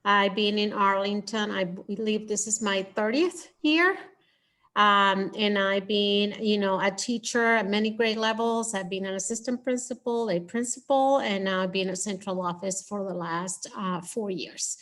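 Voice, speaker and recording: A woman's voice: medium pitch, steady tone, unhurried, a bit bright. A woman, a school district coordinator, introducing herself matter-of-factly at a meeting on a video call. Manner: matter-of-fact with fillers.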